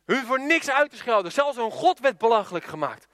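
A man preaching, retelling a story in an animated, chatty way with casual asides to his listeners. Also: extremely high pitch, a little fast, no echo, clean studio sound. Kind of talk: storytelling sermon.

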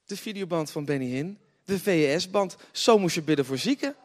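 A man preaching a humorous testimony sermon, telling stories with laughter and swinging between hushed and loud. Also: fairly high pitch, animated, brisk. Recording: long hall reverb.

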